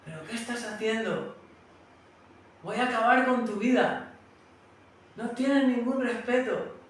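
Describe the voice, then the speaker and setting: Haughty sarcastic king, voiced by a man, high, far off in heavy reverb. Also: measured pace, a bit bright. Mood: angry. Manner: sarcastic and threatening. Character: proud, haughty ancient king, male. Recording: very echoey room, distant mic.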